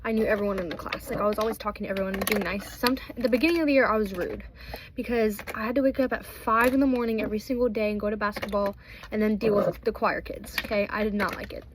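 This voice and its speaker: A woman's voice: medium pitch, steady tone, fast, background noise. A teenage girl chatting casually through a storytime while doing her makeup, rambling with lots of fillers and restarts. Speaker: vlogger.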